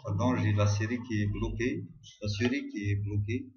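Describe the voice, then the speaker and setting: A man tutoring a university maths class, talking slowly and repeating himself, spelling words out letter by letter. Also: fairly low pitch, fairly even intonation, a little mellow, echoey room, muffled recording. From Algeria. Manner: slow and repetitive, spells out letters one by one. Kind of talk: recorded tutorial lesson.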